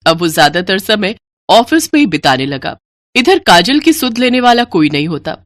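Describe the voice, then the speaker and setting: A woman narrating a scripted moral story in an even, storytelling manner. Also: mid-range voice, normal speed, no room sound.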